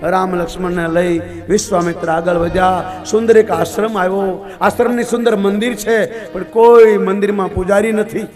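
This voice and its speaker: Man, temple preacher, fatherly exhorting sermon, high-pitched, live gathering on open ground. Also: level tone, moderate pace, a little mellow. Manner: fatherly, exhorting, calls listeners "my dear father". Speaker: temple mahant, scripture-story preacher. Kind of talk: live devotional scripture-story sermon. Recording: devotional music playing under the voice.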